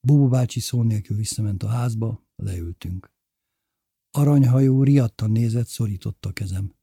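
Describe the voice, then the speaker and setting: A man reading a story aloud as narrator, in a measured storytelling manner. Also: lowish voice, vocal fry, dark tone, slightly rough, no echo, studio quality. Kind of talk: audiobook narration.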